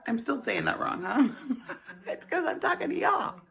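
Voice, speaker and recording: Her voice is higher and very animated, with vocal fry and a bit of brightness, at normal speed. The woman, in her forties, hosts a casual financial talk on saving money, chatting, laughing often, and calling listeners honey and baby.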